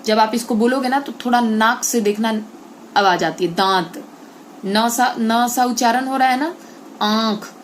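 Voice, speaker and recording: A woman's voice: on the high side, a little hiss or hum. Teacher woman checking "ठीक है?". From India. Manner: explains step by step, checks in with "ठीक है?"; addresses pupils as children, repeats example words slowly. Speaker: school Hindi teacher. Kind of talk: online grammar class.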